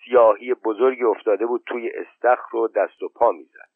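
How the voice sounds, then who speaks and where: A man narrating an audiobook in a measured, steady storytelling manner, on a tinny, narrow-band recording. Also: mid-range voice, no echo.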